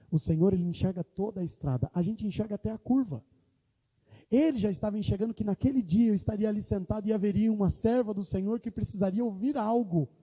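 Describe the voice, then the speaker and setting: A man's voice: high-pitched, mellow. A man preaching a sermon as pastor, with impassioned delivery, quoting prayers aloud. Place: church hall. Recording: church hall reverb.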